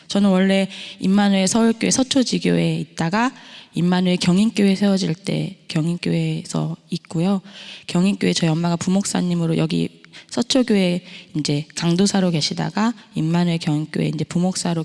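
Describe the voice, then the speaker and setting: A woman's voice: fairly low pitch, vocal fry, a little mellow. A middle-aged woman preaching a testimony sermon in a church, telling her story and posing rhetorical questions to the congregation. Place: church sanctuary. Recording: long reverb of a church hall.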